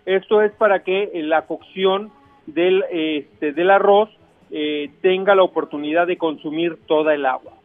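A man with a Mexican accent, a chef on radio, explaining and chatting casually in a halting way. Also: a little high, no echo, phone-quality sound, soft background music. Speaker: chef giving radio cooking tips.

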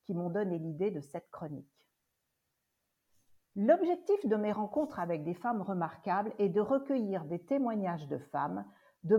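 A woman hosting a podcast interview as a coach, speaking in a measured way with small hesitations. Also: medium pitch, a little mellow, lo-fi sound. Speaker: host and coach. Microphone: remote interview recording.

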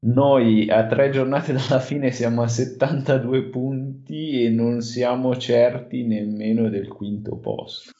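A man's voice: mid-range voice, steady tone, slow pace, hardly any pauses, warm tone, highs cut off. A man hosting a podcast with casual football chat, thinking aloud in a hesitant, rambling way. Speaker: podcast host.

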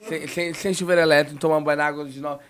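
A man's voice: a little high, fairly even intonation, rapid-fire. A man, chatting casually as a guest. He tells a long personal story, repeating words and restarting his sentences as he goes.

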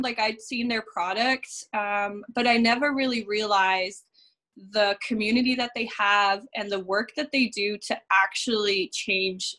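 A woman's voice: mid-range voice, pushed and bright. A woman from the Netherlands, in her thirties, chatting as a podcast guest, with many fillers and frequent laughs. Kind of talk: casual interview chat.

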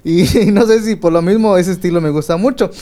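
A man's voice: high-pitched, fairly quick, dark tone. A man with a light, boyish voice chatting casually in a home studio, rambling with fillers and laughing often. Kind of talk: casual chat.

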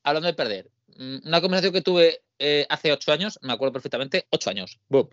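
A man with a Spain Spanish accent tells stories in a casual podcast chat. His pitch swings widely as he acts out the people he quotes. The sound is dry and a little dull. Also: quick pace, dry recording. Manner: animated storyteller, acts out quoted dialogue. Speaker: podcast co-host. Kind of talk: casual chat, telling anecdotes.

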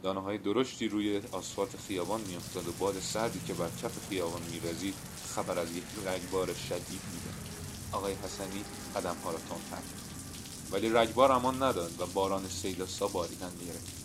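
A man narrating a literary short story in a steady, measured storytelling manner. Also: sits low, noisy background.

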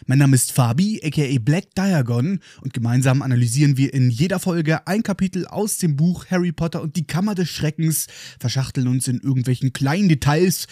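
A man's voice: a little high, brisk, dark tone, no room sound, clean studio sound. A man with a German accent hosting a podcast, retelling a book chapter with ironic, playful commentary. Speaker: podcast host.

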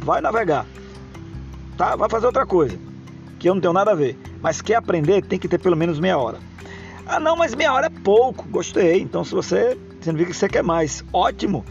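A man with a Brazilian Portuguese accent talks through an informal audio lesson, chatty and emphatic, often repeating a word to drive it home. His voice sits somewhat high and carries a gravelly fry. The recording is dull and lo-fi, with faint music underneath. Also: a little mellow. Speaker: English teacher.

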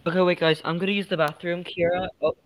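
Low-voiced giggly young woman. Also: level tone, fast talker, heavy background noise. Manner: giggly, bubbly, gushes. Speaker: question asker. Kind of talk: casual chat. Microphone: online voice chat.

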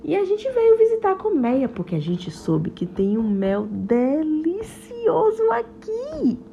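A woman's voice: high voice, huge pitch swings, takes it slowly, dark tone, muffled recording, a little hiss or hum, pitched above the performer's own voice, exaggerated voice. Joana, a giggly little ladybug girl, played by a woman. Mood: sheepish. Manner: playful, giggly, fibbing. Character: cheeky young ladybug girl posing as bee.

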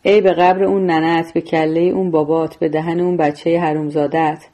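A woman's voice: deep voice, flat delivery, mellow, poor audio. A woman voicing a defiant, foul-mouthed male gangster who hurls scornful insults.

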